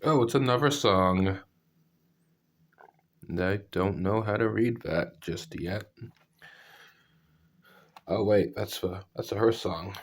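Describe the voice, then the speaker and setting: A man with a congested, sick-sounding voice narrating scary stories, with deadpan, self-deprecating asides. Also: lowish voice, slow pace, pauses often. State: sick, clearing throat. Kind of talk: scripted story narration with casual asides.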